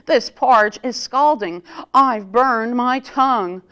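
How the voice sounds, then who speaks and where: A woman's voice: fairly high pitch, slow, bright, forceful tone, clean tone. A woman voicing a big old grumpy father bear from a children's storybook, in a blustering manner. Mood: indignant.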